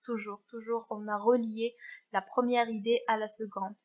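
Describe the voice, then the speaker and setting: A woman's voice: on the high side, flat delivery, normal speed, highs cut off. A woman teacher giving a grammar lesson, patient and careful, often checking that her students follow. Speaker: French teacher.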